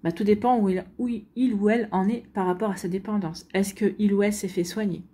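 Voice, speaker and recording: A woman gives a tarot reading and talks directly to her viewers. Her voice is mellow and dark with a husky edge. She speaks hesitantly, with many fillers and restarts. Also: mid-range voice, steady tone, fast talker. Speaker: tarot card reader. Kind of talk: spontaneous tarot reading to camera.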